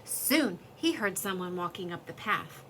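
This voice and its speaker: A woman reading a children's story aloud in an expressive, lively storytelling way. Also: fairly low pitch, measured pace, slight background noise.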